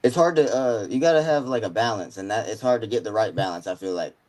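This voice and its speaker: A man's voice: fairly low pitch, quick pace, a little mellow, rough recording. A man in his mid-twenties talking about his music as a guest, rambling and slangy with lots of filler words. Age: 20s. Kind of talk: casual chat.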